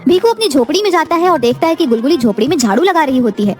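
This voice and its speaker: A woman narrating a cartoon storybook in a steady, plain storytelling manner. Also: sits high, fast, faint music behind.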